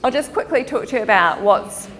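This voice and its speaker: Her voice on the high side, bright and expressive, a New Zealand career counsellor talks briskly through a chatty workshop for a meeting-hall audience. She laughs often, and the hall's long reverb colors the sound.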